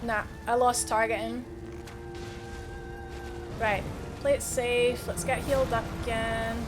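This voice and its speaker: Speaking slowly and flatly in a fairly high voice, a woman with an Edinburgh Scottish accent narrates her gameplay live, musing aloud and chatting informally with her viewers. Music plays in the background.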